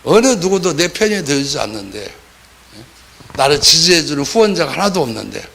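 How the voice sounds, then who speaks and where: A man's voice: fairly high pitch, sing-song, a little fast, vocal fry, a bit bright. A man preaching a sermon as pastor, talking in a colloquial way and acting out the voices of the people he quotes.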